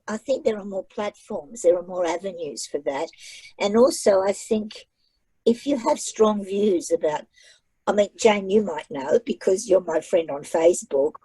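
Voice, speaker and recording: A woman author who moved to Australia at age nine and learned English as a second language chats over a video call in a casual online library talk. Her voice is medium-pitched and darkish with a breathy edge, and she speaks emphatically, often repeating phrases for effect. The recording is dry and low quality.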